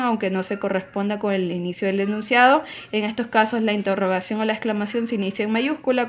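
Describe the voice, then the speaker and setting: Female teacher giving a remote class; clear explanations, stresses the rules, medium pitch. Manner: explanatory, emphatic on key rules. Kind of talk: recorded online class lecture.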